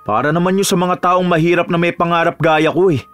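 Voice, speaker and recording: A man's voice: high-pitched, steady tone, a little fast, fairly bright tone, faint music behind. A man playing a polite young male student who pleads and then answers back with indignation. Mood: indignant. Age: young adult.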